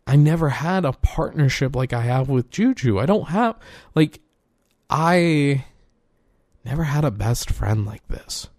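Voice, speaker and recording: A man's voice: medium pitch, animated, measured pace, darkish tone, dry recording, clean studio sound. A young man hosting a podcast, talking earnestly in a rambling, casual way with plenty of fillers and swearing. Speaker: podcast host. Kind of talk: casual heartfelt monologue.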